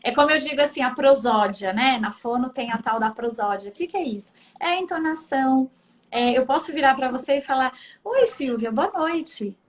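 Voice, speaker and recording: A middle-aged Brazilian woman with a high, bright-pitched voice, hosting a live online conversation as a speech therapist. She talks in a chatty, easygoing way, keeps asking "né?", and now and then acts out examples of intonation. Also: a little fast, a little hiss or hum. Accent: Brazilian Portuguese. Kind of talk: casual live-stream conversation.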